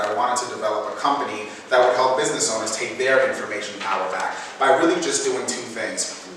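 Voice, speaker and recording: A man from Haiti giving an earnest, prepared business pitch at a community event. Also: a bit bright, slight background noise. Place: large event hall. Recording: echoey hall, mic far off.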